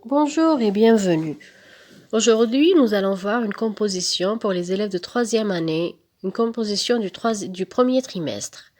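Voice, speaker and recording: A woman teacher goes through a primary school exam at a slow, careful pace, sounding out each syllable and letter. Her voice sits mid-range. She slips into quick asides in Arabic between exercises. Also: mid-range voice, darkish tone. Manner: switches into fast Arabic asides.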